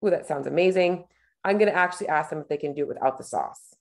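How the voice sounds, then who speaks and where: Woman, 30s, low voice, casual coach, thinking aloud, webcam tutorial. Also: fast. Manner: casual, chatty, thinks aloud while clicking. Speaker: nutrition coach. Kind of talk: screen-share tutorial.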